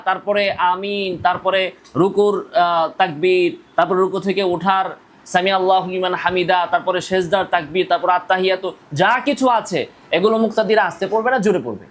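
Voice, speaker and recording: A male Islamic scholar from Bangladesh delivers a combative religious lecture in a notably high voice. He hammers his points with rhetorical questions and repeats phrases for emphasis. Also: a little hiss or hum, low-quality recording.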